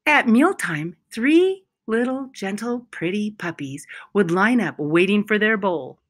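Storytelling from a children's picture book, this woman speaks at a medium pitch. She shapes each phrase carefully and expressively, stressing key words as she goes.

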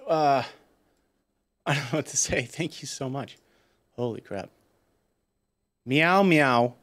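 A man reacting with excited, incredulous exclamations while livestreaming as a pianist. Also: medium pitch, slow pace, breathy edge. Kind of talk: live-stream reaction chat.

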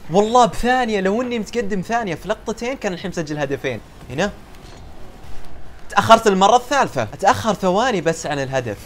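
A young man giving excitable live commentary on a car soccer game, yelling at goals and teasing his teammates. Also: on the high side, a little hiss or hum. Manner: excitable, shouts at goals, trash-talks teammates. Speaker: gaming YouTuber.

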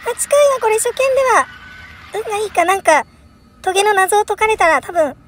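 Female horror game streamer, extremely high-pitched, excitable, thinks aloud, given to alarmed outcries. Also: a little fast. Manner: excitable, crying out in alarm with repeated panicked exclamations; thinks aloud, puzzling through moves. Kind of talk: first-play horror puzzle game commentary.

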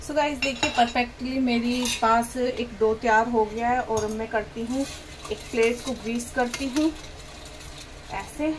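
A woman's voice: fairly high pitch, steady tone, measured pace. A middle-aged woman narrating a casual home cooking vlog step by step, talking straight to her viewers from her kitchen. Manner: chatty, step-by-step, addresses viewers directly. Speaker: cooking vlogger. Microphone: phone camera held nearby. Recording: home phone video with clear background noise.

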